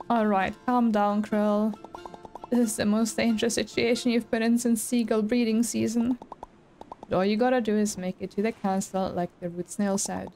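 A woman's voice: medium pitch, darkish tone, close to an everyday voice. A woman reading the lines of a weary, put-upon young male hermit crab hero from a game. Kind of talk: reading game dialogue aloud.

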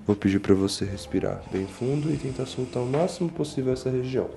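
Medium-pitched and fast with vocal fry and a dark tone, the young Brazilian chiropractor explains to camera while instructing his patient, frequently checking in to reassure them. The small indoor room with large windows gives a roomy echo, with faint music and slight background noise.

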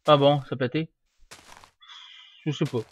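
A young man giving casual, rambling commentary while he plays, getting excited and yelling at the game now and then. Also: fairly high pitch, unhurried. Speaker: gamer. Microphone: desk microphone. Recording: dull, dry home mic.

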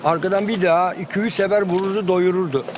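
A man's voice: high-pitched, fast talker. Man mimicking birdsong, outdoor noise. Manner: imitates birdsong with chirping syllables. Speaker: bird keeper. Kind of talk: casual chat. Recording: noisy outdoor recording.

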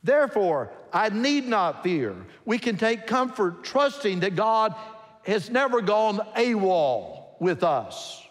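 An older man, a pastor, preaching a sermon from a pulpit in a large church, expressive and emphatic. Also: sits high, takes it slowly. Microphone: pulpit microphone. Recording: long church hall reverb.

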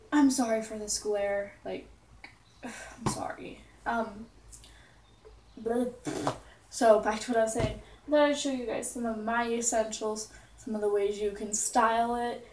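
A teenage girl chats away in a casual vlog, drifting into asides and filling gaps with "like". Her voice sits fairly high. She sounds set back from the mic, with her bedroom echoing around her. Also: darkish tone, distant mic, slight background noise. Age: teens. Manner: rambling and giggly, full of asides and "like". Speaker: vlogger.

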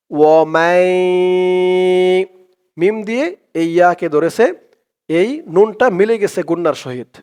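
High-voiced man teaching Quran recitation. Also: darkish tone. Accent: Bangladeshi Bengali. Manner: recites verse words aloud, then explains the rules slowly and repeats them. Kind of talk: step-by-step recitation lesson.

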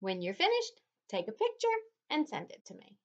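A woman's voice: medium pitch, wildly swooping pitch, normal speed, highs cut off. A woman teacher reading a storybook aloud to her class and then giving them patient, encouraging instructions.

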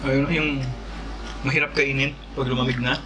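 A man's voice: medium pitch, level tone, moderate pace, background noise. A man chatting casually during a food vlog, speaking while chewing. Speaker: food vlogger. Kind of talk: casual mukbang chat. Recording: loud background music. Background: music.

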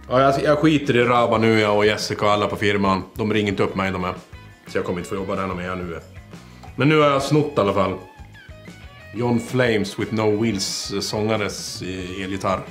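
In a comedy mockumentary, a man speaks to camera in a low, near-everyday voice as a boastful, petty aspiring songwriter from a small town. He has a small-town Swedish accent and rambles with constant swearing about his rock ambitions.

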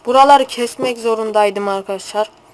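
Teen girl gaming host, brash trash talker, high-pitched, light hiss behind. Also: normal speed. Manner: excitable, hot-tempered trash talk. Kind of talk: gameplay commentary.

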